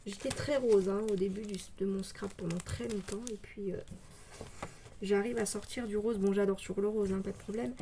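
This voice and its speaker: A woman vlogger chatting casually about scrapbooking papers, hesitant with many fillers, pausing to read labels aloud slowly. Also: mid-range voice, fairly even intonation, warm tone, slight background noise. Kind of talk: casual show-and-tell haul. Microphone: phone.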